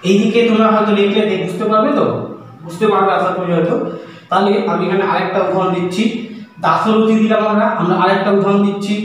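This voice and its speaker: A man's voice: high voice, fairly even intonation, quick pace. A man teaching a grammar lesson. He goes patiently step by step, repeating each step and asking and answering his own questions. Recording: echoey room, far from the mic, faint hum.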